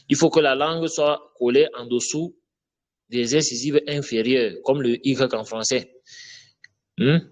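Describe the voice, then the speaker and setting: Male teacher, mid pitch, patient and repetitive, online lesson, checks understanding often. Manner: patient, repeats letter sounds, checks with "d'accord?". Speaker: Arabic teacher.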